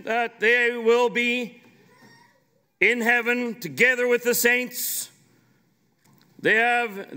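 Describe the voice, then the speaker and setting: Speaking from a podium mic on a big conference stage, a middle-aged preacher delivers his sermon in a high, smooth voice. The delivery is urgent and emphatic, rising at times to shouting.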